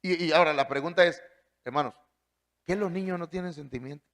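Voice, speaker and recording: A man preaching a sermon, emphatic, with big swings in pitch and loudness. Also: fairly quick.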